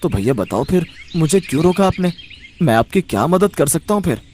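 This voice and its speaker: A man's voice: a little high, big pitch swings, a little fast, slight background noise. A man voicing a meek, kind-hearted young farmer in a cartoon story, timid and hesitant. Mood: timid pleading. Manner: timid, soft-spoken, hesitant. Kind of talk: cartoon voice acting.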